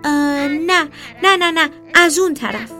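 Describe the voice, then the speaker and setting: A woman's voice: high-pitched, animated, a bit bright, faint music behind, voice pushed up. A woman voicing a young male chick, a bossy but comforting older brother, in a storybook reading.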